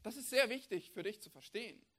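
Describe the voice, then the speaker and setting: A man preaching a sermon, emphatic and full of rhetorical questions, swinging between loud declarations and hushed lines. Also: high-pitched, lively intonation, brisk.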